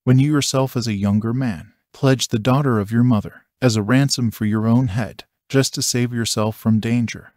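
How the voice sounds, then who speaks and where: A man's voice: mid-range voice, fairly even intonation, moderate pace, few pauses, a little mellow, no echo, clean studio sound, close to an everyday voice. A man reading the lines of a newborn boy who accuses an old seer defiantly. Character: half-month-old baby boy, defiant and merciless.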